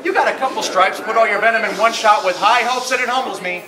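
A man's voice: high-pitched, fast talker. A man from Arizona spitting a taunting, punchline-driven battle rap verse in front of a crowd. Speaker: battle rapper. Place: barbershop event space. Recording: echoey room with a loud crowd. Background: crowd reacting.

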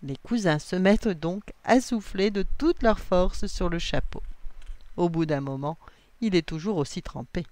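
A woman reading a children's storybook aloud in an expressive read-aloud manner. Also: lowish voice, a little slow, dry recording.

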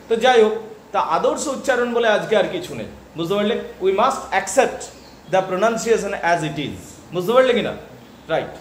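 A man with a Bengali accent teaching English literature in a classroom lecture, often pausing to check that students follow. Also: high-pitched, roomy sound, a little hiss or hum.

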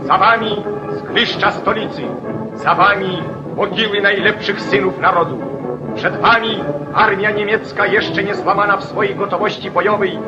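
Man doing old 1940s newsreel narration, rousing and commanding, voice sits high, muffled sound with music going under. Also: steady tone, normal speed. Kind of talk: declamatory scripted newsreel narration.

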